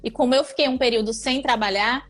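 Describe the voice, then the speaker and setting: A woman's voice: on the high side, fast, fairly bright tone, soft background music. A young woman from Brazil with a Bahian accent, chatting casually as an interview guest and laughing often. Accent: Bahian Portuguese.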